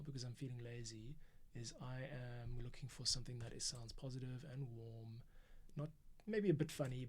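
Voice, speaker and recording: A man composing for an audio drama, casually thinking aloud and explaining his steps during a livestream from a home studio. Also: mid-range voice. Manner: relaxed, thinking aloud, self-correcting.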